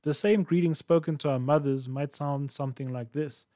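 A man's voice: fairly high pitch, steady tone, normal speed, dark tone, no room sound, clean studio sound. A man hosting a writing podcast, reading a script with playful, jokey asides. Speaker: podcast host.

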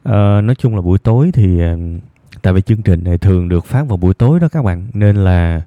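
Low-pitched southern Vietnamese man, phone-like sound. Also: animated, no room sound. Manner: deliberately low-toned, subdued, unhurried delivery. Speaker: host of an evening advice programme. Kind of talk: reflective advice talk to listeners. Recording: thin, phone-like band-limited sound.

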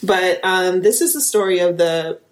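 Woman, Midwestern accent, lower register; casual true-crime podcast narrator, loose and chatty. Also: steady tone, normal speed. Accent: Midwestern American. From American Midwest. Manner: reads case notes with filler ums and asides. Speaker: podcast co-host, lead investigator.

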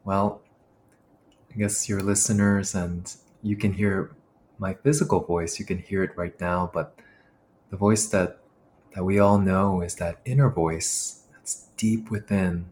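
A man's voice: low-pitched, fairly even intonation, a little slow, a little mellow, slight background noise. A man who is a pastor and military chaplain, talking reflectively as a guest on an interview show.

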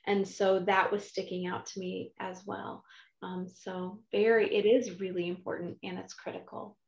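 A woman's voice: medium pitch, level tone, moderate pace, vocal fry. A chatty, enthusiastic woman hosts a podcast interview, often restarting her sentences. Her voice sits in a roomy space. The sound is slightly dull and muffled. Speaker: podcast host.

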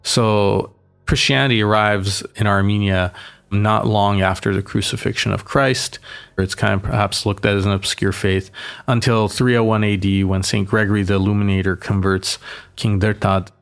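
A man's voice: lowish voice, level tone, moderate pace, gravelly, a bit bright, smooth. A man, a mayor who grew up in Boston and Yerevan, talking passionately and at length as an interview guest. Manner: passionate, talkative, explains at length. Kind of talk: casual interview conversation.

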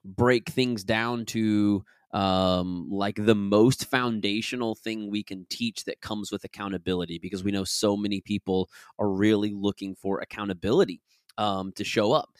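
Raspy-voiced man hosting a podcast. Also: fairly low pitch, fairly even intonation, normal speed, no room sound, clean studio sound. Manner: upbeat and enthusiastic; chatty and rambling. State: raspy, recovering from being sick. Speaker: podcast host and business coach. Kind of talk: casual podcast talk and reading from his own book.

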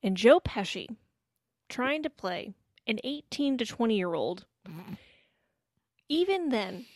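Deadpan joking woman, dry close sound. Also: a little high, takes it slowly, no room sound. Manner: deadpan, jokey asides. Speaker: podcast co-host. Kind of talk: casual film discussion chat.

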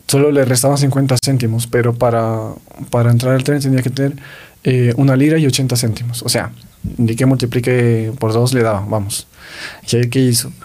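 A man co-hosting a religious podcast, retelling a saint's story in a casual, animated way with quoted voices and many fillers. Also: medium pitch. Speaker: podcast co-host.

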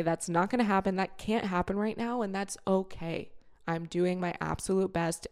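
A woman in her thirties hosts a solo podcast and talks in a candid, conversational way, swearing now and then. Her voice sits on the low side with a gravelly fry to it, and she speaks as someone in grief. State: grieving. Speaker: podcast host and coach. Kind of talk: casual solo podcast talk.

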